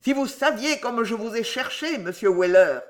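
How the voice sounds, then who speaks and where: Voicing a sly manservant in an audiobook, the reader gushes with fake tearfulness at a moderate pace. The mid-range voice is animated and pushed up, yet stays close to an everyday voice.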